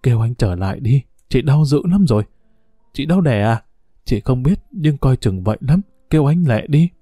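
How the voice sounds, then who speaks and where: A man's voice: mid-range voice, expressive, normal speed, dark tone, no room sound, clean studio sound, soft background music, lightly acted. Man voicing a blunt pregnant village woman. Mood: pained.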